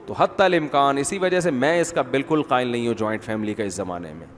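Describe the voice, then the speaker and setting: A man's voice: mid-range voice, big-room sound, slight background noise. A middle-aged man giving family advice in an informal, teasing talk, often acting out the people he describes. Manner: conversational, teasing, acts out quoted voices.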